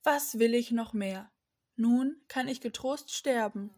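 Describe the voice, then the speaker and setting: A woman voicing an old father in a children's story, exclaiming with a voice pitched up in excitement. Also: slow pace. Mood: moved. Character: old father, shocked then overjoyed.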